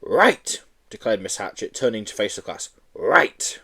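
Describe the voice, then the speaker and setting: A man reading a children's book aloud in an animated storytelling manner. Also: lowish voice, quick pace. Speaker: audiobook reader. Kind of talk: storybook narration.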